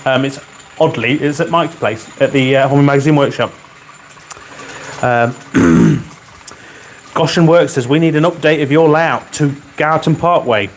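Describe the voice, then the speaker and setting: A man hosting a casual livestream from his garage, reading viewer comments with dry humor and often clearing his throat, wearing a microphone. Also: a little high, normal speed, a little hiss or hum, poor audio. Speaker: livestream host. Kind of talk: casual live chat. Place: home garage with a model railway layout.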